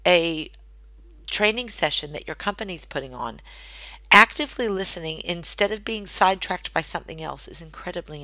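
A woman's voice: lowish voice, a bit bright, no echo, low-quality recording. A middle-aged woman hosting a solo podcast from her home office, coaching listeners in a direct, earnest, instructive way. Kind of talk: solo podcast training talk.

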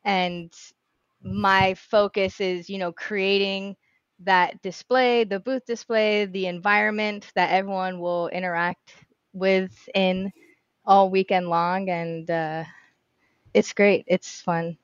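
A woman's voice: medium pitch, fairly even intonation, slow pace, clear, resonant tone, no room sound. A woman speaking as a marketing director on a podcast, upbeat and chatty, her voice in a comfortable middle register. The line sounds a little dull and lo-fi, though the sound itself is dry and close. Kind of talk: casual podcast interview.

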